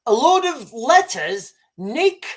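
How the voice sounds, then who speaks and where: Talking slowly in an extremely high, sing-song voice, a UK livestream host in his 40s rambles on casually, saying things more than once and calling his audience "guys."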